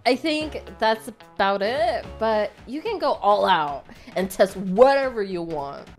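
A woman's voice: medium pitch, lively intonation, a little slow, faint music behind. A woman voicing a playful young woman who teases a friend in a fan voice-over of chat messages, laughing often. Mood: chatty.

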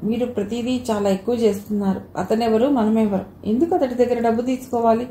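A woman reading the lines of a hurt young wife who pushes back at her husband, sharp and reproachful, in a storybook audio novel. The voice is mellow and warm, and it echoes in the room over a faint hiss. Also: a little high, fairly even intonation, a little fast, close to an everyday voice. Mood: bitter.

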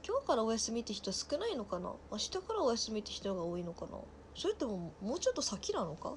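A woman in her twenties with a Nagasaki dialect, chatting casually on a livestream and reading viewers' comments aloud, often trailing off into soft mutters. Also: a little high, sing-song, fairly quick, slight background noise. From Nagasaki, Japan. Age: 20s. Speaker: livestream host.

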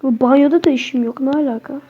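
Casting: young woman gaming streamer, high voice, excitable, chatty, slightly muffled mic. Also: quick pace. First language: Turkish. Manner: excitable, talks to viewers, swears at the game. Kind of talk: casual horror game commentary.

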